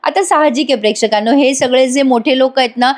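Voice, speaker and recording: A woman with a Marathi accent narrates a recap of a TV serial episode. Her voice sits a little high. She keeps turning to the viewers with chatty remarks, then quotes the characters' dialogue back to them. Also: fairly quick. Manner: retells scenes, acting out characters' lines. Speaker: TV serial reviewer.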